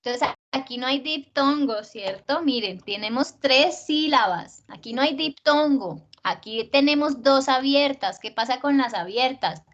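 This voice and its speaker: A woman teaching a writing class, drilling word stress slowly and patiently, stretching out each word she asks about. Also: high-pitched, animated, a bit bright. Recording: dull lo-fi class recording.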